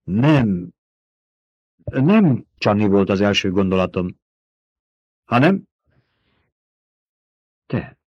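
A man reading the part of a tough, proud desert chieftain who speaks gruffly and mutters. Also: on the low side, very animated, pauses often, dry recording. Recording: dull, dry recording.

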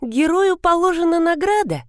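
A woman reader voicing a mocking, playful young woman with a sharp tongue, recorded dry and close. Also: fairly high pitch, animated, measured pace, no echo, voice pushed up.

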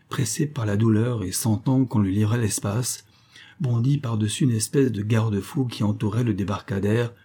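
Guy reading an old novel, low dark husky voice, steady pace. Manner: steady, measured storytelling. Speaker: audiobook narrator. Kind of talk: scripted narration of a novel.

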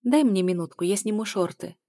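A woman voicing a sharp-tongued young mother who speaks in a raised, cutting, indignant tone in an audiobook. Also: medium pitch, a little fast, dry recording, clean studio sound, lightly acted. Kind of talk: audiobook dialogue reading.

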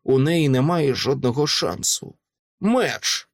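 A man narrating an action-filled audiobook in the first person, vivid and dramatic. His voice sits at a middle pitch, recorded close and dry with no room sound. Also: animated, normal speed, a little mellow, no room sound.

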